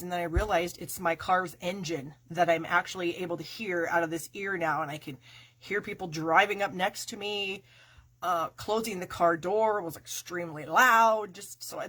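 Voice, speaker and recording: Middle-aged lady with a stuffy cold voice, kinda low and breathy, rambling on casual to her viewers. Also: fairly bright tone. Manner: chatty and rambling, with many fillers. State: nasal from a cold, coughing. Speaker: stamping demonstrator hosting a live craft video.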